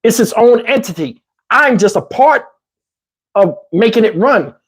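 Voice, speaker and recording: A YouTube commentary host with a Southern US accent rambles conversationally on a casual livestream, asking viewers "you know what I'm saying." His very high-pitched voice is expressive and unhurried with a breathy edge, and it's growing tired as his throat gets parched.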